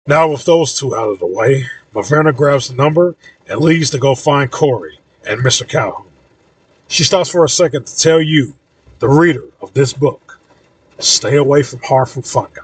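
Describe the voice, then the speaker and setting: Male author-narrator, casual audiobook read, husky, slightly distant. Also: medium pitch, moderate pace, no room sound. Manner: casual, slightly stumbling reading. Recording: voice a bit far from mic.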